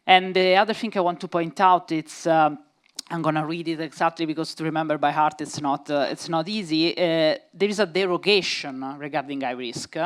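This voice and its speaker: Italian-accented female activist, halting delivery with lots of fillers, clean smooth tone. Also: low-pitched. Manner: hesitant, many fillers, reads legal text aloud. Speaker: panelist, gender equality activist. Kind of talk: panel discussion.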